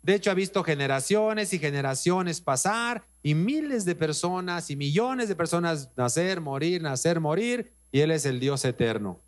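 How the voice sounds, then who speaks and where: A man's voice: fairly high pitch, expressive, moderate pace, few pauses. A man with a Mexican accent preaching a sermon as pastor, emphatic, repeating phrases and speaking straight to the congregation. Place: church.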